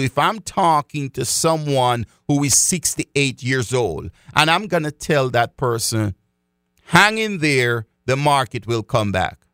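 A man's voice: fairly high pitch, fairly bright tone, no room sound, clean studio sound. A man giving a direct talk to his audience as a financial educator, speaking emphatically, repeating key phrases and calling his listeners folks.

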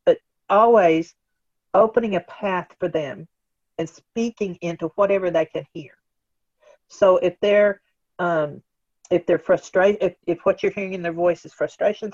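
On a dull, dry lo-fi recording, a guest expert on organizational change speaks earnestly and conversationally in a medium-pitched, darkish voice. He keeps asking questions aloud, acting out quotes, and tagging his points with "right?".

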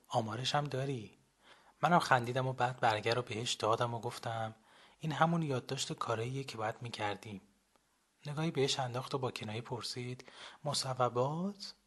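A young man calmly reading a first-person story as a radio storyteller. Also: medium pitch, slightly rough. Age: young adult. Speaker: blogger and storyteller.

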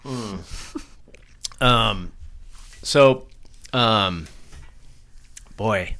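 A man's voice: fairly low pitch, extremely slow, sharp tone. A young man hosting a casual podcast, rambling and laughing, a little buzzed and swearing freely. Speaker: podcast host. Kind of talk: casual chat.

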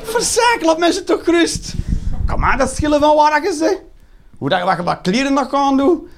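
A man's voice: extremely high pitch, animated, moderate pace, vocal fry, noisy background. A Flemish man in his thirties doing a sarcastic, swearing stand-up rant. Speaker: stand-up comedian.

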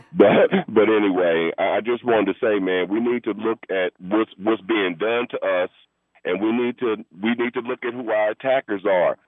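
This radio call-in caller has a fairly low pitch and keeps a moderate pace while he argues his point insistently and wanders off on tangents. His voice comes through a tinny telephone connection with a dry, echo-free sound.

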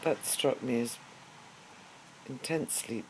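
An older man, giving a halting, wry personal monologue as host of his own audio series. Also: mid-range voice, a little mellow, slight background noise, poor audio. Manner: musing, halting, with wry humour. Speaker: podcast host.

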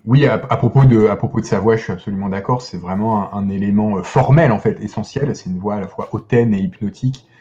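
A man chatting as a guest film critic on a podcast, enthusiastic but halting, with many restarts and fillers. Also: on the low side, mellow, muffled recording. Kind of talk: casual podcast discussion.

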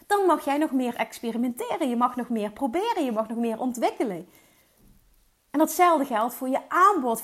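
Woman, high voice, energetic solo business-coach podcaster. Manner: energetic, mixes English words into Dutch, emphatic repetition. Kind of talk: solo motivational podcast talk.

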